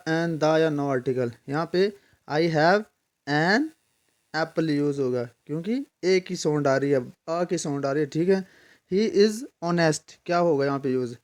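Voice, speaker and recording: In a casual spoken grammar lesson, a man slips English terms into his explanations and repeats his own questions before answering them. His voice sits a little high.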